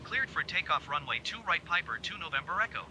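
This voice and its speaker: A man's voice: a little high, sing-song, a little fast, pushed and bright, slight background noise. A man talking as a pilot on a cockpit headset, giving clipped, formulaic radio calls. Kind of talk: clipped aviation radio phraseology.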